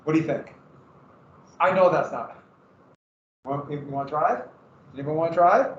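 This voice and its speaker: Heard from far away in an echoey classroom, with dull sound, a teacher lectures on history in a casual, rambling style and makes fun of himself. He has a Montana accent and a fairly high voice at normal speed.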